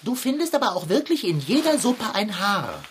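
A woman's voice: medium pitch, very animated, normal speed, a crowd in the background, natural voice. A woman playing a big fat talking tomcat, bossy, hungry and pompous, in a children's audio drama. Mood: matter-of-fact, helpful. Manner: pompous, dramatic, formal wording.

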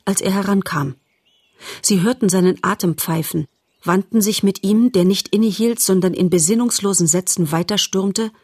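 A woman reading a storybook aloud as narrator, calm and measured. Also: medium pitch, no echo, studio quality. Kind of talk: audiobook narration.

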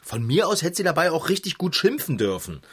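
A man playing an indignant, easily riled bicycle mechanic in a children's radio play, with a husky voice. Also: fairly high pitch, very animated, a little fast, fairly bright tone, heavily acted. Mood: fuming. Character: hot-tempered, stubborn bicycle mechanic man. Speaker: bike shop owner.

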